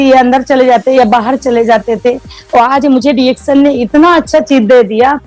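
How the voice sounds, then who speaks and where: Middle-aged woman, high-pitched and heartfelt, tells her story with faint music underneath. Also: a little mellow, dry recording, poor audio. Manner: emotional and heartfelt. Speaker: member giving a testimonial. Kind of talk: personal testimonial talk.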